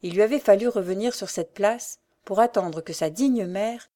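A woman reading a novel aloud as an audiobook narrator, in a measured, dramatic way. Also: mid-range voice, warm tone. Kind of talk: scripted narration.

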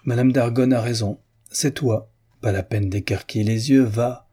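Man reading a self-assured young gentleman. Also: mid-range voice, steady tone, normal speed, breathy edge, lightly acted. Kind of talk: audiobook character voice.

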